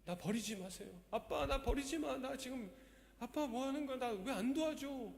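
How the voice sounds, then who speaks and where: A man's voice: very high voice, moderate pace, gravelly, voice pushed up. A man voicing a terrified young child crying out to his father for help, in desperate pleading. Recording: long church reverb.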